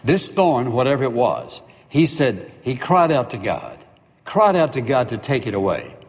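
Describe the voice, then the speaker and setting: A man's voice: medium pitch, moderate pace. Man preaching in an echoing hall. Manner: animated preaching, acting out imagined prayers. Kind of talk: sermon.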